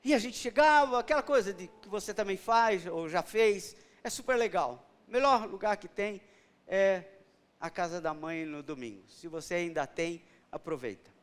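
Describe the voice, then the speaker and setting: A middle-aged Brazilian man preaching from the pulpit with a strikingly high-pitched voice. He drives his points home emphatically, leaning on rhetorical questions and personal stories. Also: normal speed. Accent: Brazilian Portuguese. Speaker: pastor. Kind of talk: sermon.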